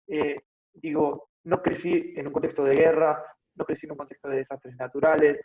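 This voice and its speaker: A man's voice: a little high, little pitch movement, moderate pace, phone-quality sound. Argentine man in his thirties, explaining. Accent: Argentine Spanish (Buenos Aires). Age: 30s. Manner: explanatory, thinks aloud with frequent tag questions. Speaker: guest, fitness motivator. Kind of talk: casual interview conversation.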